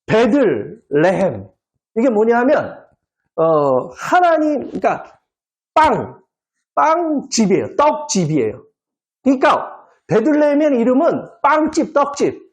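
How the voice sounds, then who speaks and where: A male pastor mid-sermon in a church service, his pitch swinging widely as he teases the pews with little jokes. He keeps firing questions at the listeners and nudging them for answers with a quick "eh?". His delivery sounds lively and conversational rather than solemn. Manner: quizzes the congregation with constant "eh?" prompts; jokey, playful wordplay.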